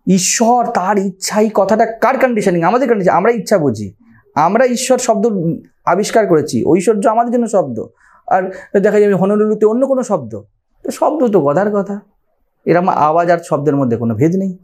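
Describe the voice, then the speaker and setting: A man's voice: sits high, sing-song, moderate pace, darkish tone. A man with a Bengali accent giving a spiritual lecture on scripture, explaining step by step and often checking with his listeners through rhetorical questions. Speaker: spiritual teacher.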